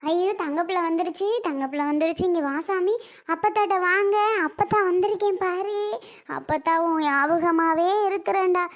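A woman playing an older mother-in-law and grandmother who talks slowly and coaxingly. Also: very high voice. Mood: tender. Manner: slow, soft, coaxing talk. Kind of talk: family skit acting.

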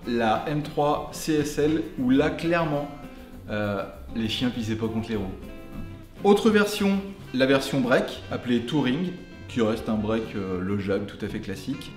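A man's voice: mid-range voice, a little mellow. A man hosting a casual car video with a tongue-in-cheek manner, full of slangy joking asides. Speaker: host of a car show. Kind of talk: casual scripted car presentation to camera. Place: garage, indoors. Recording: roomy garage echo, faint music behind.

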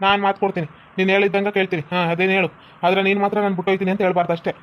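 A man with a North Karnataka Kannada accent, voicing a husband in a home cartoon, pleading in a rapid, even way. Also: high voice, dull audio, a little hiss or hum. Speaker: voices the husband character. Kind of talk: cartoon voice acting.

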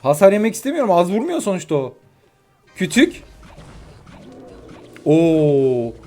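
A young man with a high voice commentates his game matches as he plays, swinging from cheerful chatter to exasperated outbursts aimed at his opponent. Faint music runs behind him. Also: quick pace. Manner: excitable, frustrated outbursts, talks to opponent. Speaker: gaming YouTuber. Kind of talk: live gameplay commentary.

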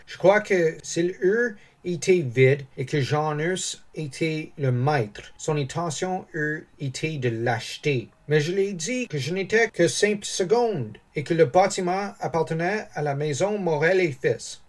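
A man reading an audiobook, voicing an earnest young sailor who answers calmly and respectfully. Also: on the high side, measured pace, hardly any pauses, pitched above the performer's own voice, close to an everyday voice.

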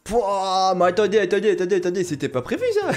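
Man, gaming host, excitable, slangy, laughs a lot, animated pitch. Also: very fast, soft background music. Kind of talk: casual reaction commentary.

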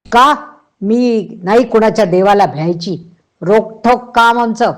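A woman voicing a blunt, outspoken older aunt who teases and scolds loudly, in a read-aloud novel. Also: mid-range voice, unhurried, lightly acted. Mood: teasing, scolding. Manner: loud, scolding, exclaiming.

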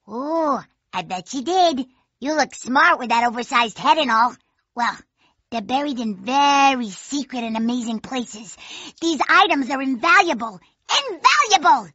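Casting: wild young female badger in an animated game; feisty, oddball, excitable, wildly swooping pitch, sharp tone. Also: a little slow, husky, dry recording, lo-fi sound, full character voice. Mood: excited, feisty. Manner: excitable, quirky, exclamatory. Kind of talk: animated video game character acting.

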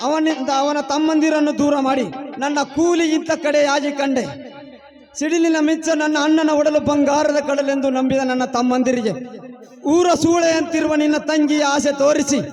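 A man playing a righteous avenging younger brother in a stage drama, accusing in forceful declamation. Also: very high voice. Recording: stage music behind.

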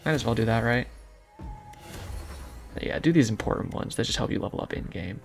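A soft-spoken young man giving casual, rambling gameplay commentary with jokey asides. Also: mid-range voice, animated, brisk, creaky, soft background music. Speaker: gaming YouTuber.

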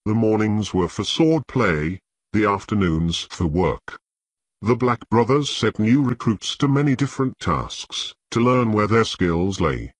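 A man narrating an audiobook in a measured, expressive storytelling manner. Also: on the low side, slightly rough, no room sound. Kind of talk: scripted narration.

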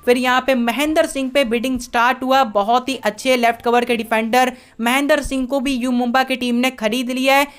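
A woman gives a brisk voice-over recap of auction results. Her voice sits slightly high and she keeps a steady listing rhythm, dropping English words into Hindi sentences. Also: clear, resonant tone. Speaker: sports video narrator.

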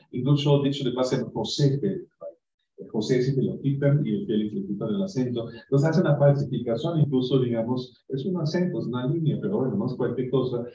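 A man's voice: mid-range voice, dark tone. A man presenting a book at an academic conference, talking off the cuff in a digressive way, with many tag questions and restarts. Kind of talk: spontaneous academic talk. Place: university venue. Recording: roomy, distant, dull live-stream audio.

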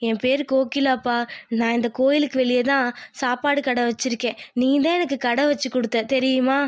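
Woman doing motherly village food-stall woman, high voice, dry sound, consoling. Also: steady tone, brisk, no room sound, lightly acted. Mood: kindly.

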